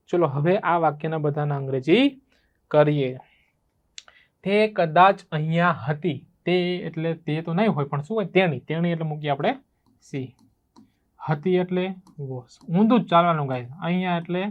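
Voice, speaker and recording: A man's voice: on the high side, lo-fi sound. A man teaching spoken English with a Gujarati accent, explaining grammar and constantly checking whether students have understood. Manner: asks students rhetorical check questions.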